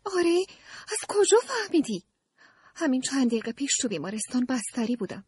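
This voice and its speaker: A woman's voice: high voice, breathy edge, dry recording, clean studio sound, full character voice. A woman voicing a bewildered young woman in an audiobook, speaking in an indignant, earnest way. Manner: indignant, pleading, expressive. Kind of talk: audiobook character voice.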